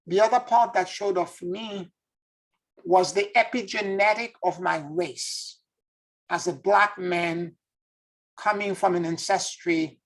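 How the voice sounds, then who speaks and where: This is a reflective spoken monologue by a male spiritual teacher from Haiti, whose voice sits high with a fairly bright tone. He sounds earnest and introspective, groping for words as he goes.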